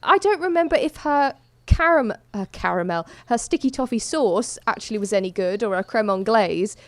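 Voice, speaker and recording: A woman's voice: a little high, expressive, moderate pace, no echo. A woman hosting a podcast, chatting casually about a baking show with light amusement. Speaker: podcast host. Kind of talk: casual chat.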